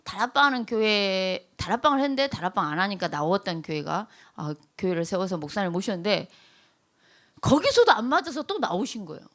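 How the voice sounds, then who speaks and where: A middle-aged woman, a pastor's wife, giving a lively testimony talk, acting out the people in her stories and laughing often. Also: medium pitch, brisk. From South Korea. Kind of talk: testimony talk at a training event.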